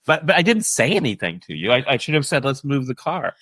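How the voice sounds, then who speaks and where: A man's voice: medium pitch, sing-song, fast talker, a bit bright, no room sound. A man co-hosting a podcast in casual conversation, adding dry, wry asides. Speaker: podcast co-host. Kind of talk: casual chat.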